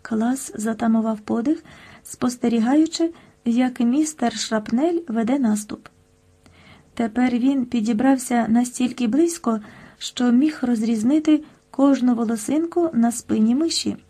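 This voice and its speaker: A woman narrating a children's audiobook with a lively, expressive storytelling manner. Her voice is mellow and a little husky, set slightly higher than most. She keeps an even, engaging read aloud. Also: measured pace.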